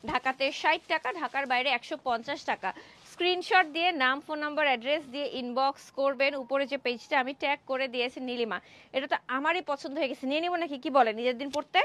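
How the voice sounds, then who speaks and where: A young woman from Bangladesh hosting a live-stream clothing sale, chatty and excited, exclaiming over dresses in an indoor showroom. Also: high-pitched, brisk. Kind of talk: Facebook live sales pitch.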